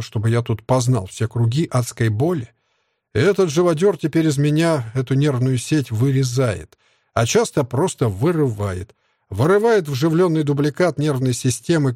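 Man narrating a dark sci-fi audiobook. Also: medium pitch, no room sound, clean studio sound. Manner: intense, pained, tense storytelling. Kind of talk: first-person audiobook narration.

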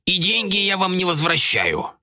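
A man voicing a cold, greedy male trader who speaks in slow, clipped, cynical lines in an audiobook. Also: sits high, very animated, sharp tone, no echo, clean studio sound, voice pushed up, exaggerated voice.

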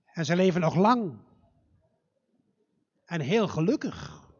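Guy telling a fairy tale in a church, slow and dramatic, husky voice, dull muffled sound. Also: fairly high pitch. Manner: slow, dramatic, animated storytelling. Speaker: storyteller.

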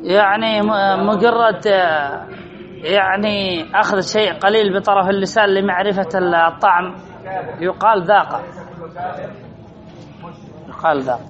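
A man's voice: sits high, unhurried, long pauses, lo-fi sound, crowd noise. A man, a sheikh, teaching a classroom lesson, reading a phrase and then explaining it, repeating key words and putting questions to his students. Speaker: sheikh teaching Arabic morphology.

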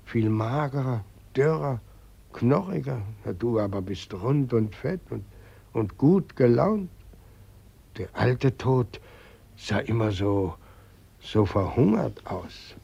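A grieving old god nobody believes in anymore, in a classic radio play. His voice is slow, gravelly and dark. He sounds husky and plaintive. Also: medium pitch, lively intonation, lo-fi sound, exaggerated voice. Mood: bitter, envious. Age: older. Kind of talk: 1940s radio acting.

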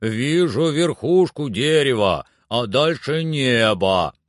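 A man reading aloud and voicing an older male servant who calls down from high up a tree in a plaintive, drawn-out way. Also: animated, no room sound, studio quality.

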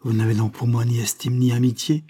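A man's voice: mid-range voice, level tone, fairly quick, dark tone, slightly rough, lightly acted. A man reading aloud, voicing an earnest young man pleading with the woman he loves in a storybook reading.

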